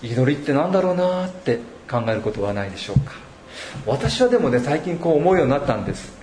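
A man preaching a sermon as pastor, measured and reflective, pausing often between thoughts. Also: on the high side, big pitch swings, noisy background. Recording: echoey room.

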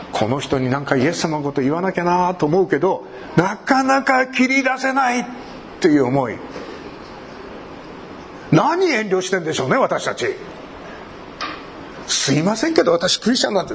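A male pastor preaches with a high voice that swings widely in pitch. He jokes with his listeners and acts out short scenes of talk. A faint hiss sits behind him. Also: moderate pace, gravelly, pauses often. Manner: animated, jokes and acts out little dialogues. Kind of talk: sermon.

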